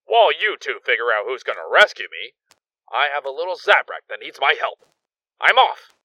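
A man's voice: medium pitch, sing-song, moderate pace, pushed and bright, highs cut off, a little hiss or hum. A man playing a gallant, confident alien superhero captain with a declamatory delivery, in an audio drama. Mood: breezy, confident. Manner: declamatory, heroic.

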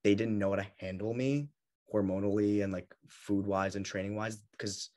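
Young man, very low voice, animated storytelling, frequent laughs, casual interview talk. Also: normal speed. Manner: lively storyteller, laughs often. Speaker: guest bodybuilder.

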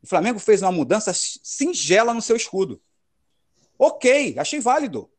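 Emphatic Brazilian man, lively high voice. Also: moderate pace. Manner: emphatic, opinionated, slangy. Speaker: podcast host. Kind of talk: casual football chat.

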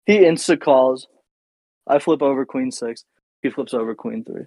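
A man co-hosting a casual podcast, spinning a long story in a cocky, rambling, profane way. His voice sits at a middle pitch and sounds dry and close to the mic. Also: normal speed, a little mellow, dry recording, low-quality recording. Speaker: podcast co-host.

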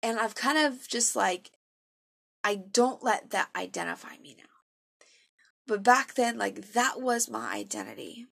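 A woman's voice: on the high side, big pitch swings, measured pace, gravelly, a bit bright, husky. A young woman giving a personal faith testimony in an earnest, emotional and self-deprecating way.

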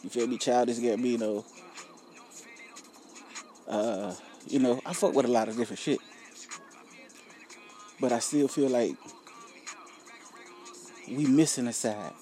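A young man talks casually in a relaxed, warm voice with faint music behind him. His delivery is slangy and profane, peppered with tags that check the listener agrees. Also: medium pitch, a little slow, pauses often. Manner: laid-back, slangy, profane, filler tags seeking agreement. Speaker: rapper promoting own music. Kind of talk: casual solo vlog chat.

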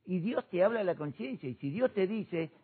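A man, a pastor discussing faith with impassioned preaching that rises to shouts. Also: high-pitched, expressive, brisk, slightly rough. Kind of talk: church discussion program. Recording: tinny phone-like sound.

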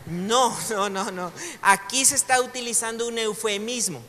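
High, bright Mexican man teaching a class. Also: normal speed, a little hiss or hum. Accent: Mexican Spanish. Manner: conversational, joking asides, reads passages aloud. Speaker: Bible teacher. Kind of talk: casual classroom lecture. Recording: long hall reverb.

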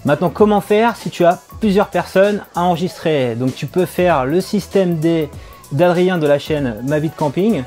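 A man hosts a casual video tutorial, speaking directly to the viewer. His voice sits a little high, and he is chatty with the odd hesitation. Faint music plays underneath. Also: normal speed, darkish tone. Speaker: YouTube tutorial host.

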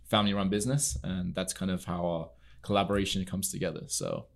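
Sitting in a podcast studio for a casual interview, this young English equestrian entrepreneur shares stories earnestly, filling gaps with frequent fillers. He has a deep voice with vocal fry, a steady tone, and a brisk pace.

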